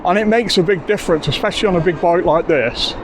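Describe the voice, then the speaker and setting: A man's voice: high-pitched, fast talker, background noise. Chatty man reviewing a bike. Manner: chatty, enthusiastic, rambling. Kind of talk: casual video review. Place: outdoors on a bike.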